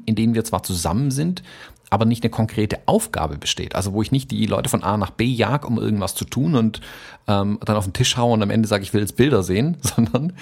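A man's voice: on the low side, creaky, darkish tone, husky. A man co-hosting a podcast, talking casually and thoughtfully about photography workshops, with many fillers and restarts.

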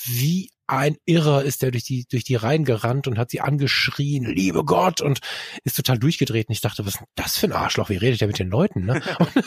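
In a clean studio recording with no room sound, a man speaks in a mid-range, slightly mellow, husky voice. He's a guest photographer telling rambling stories about traveling with his camera during a podcast conversation. He uses many fillers and corrects himself often.

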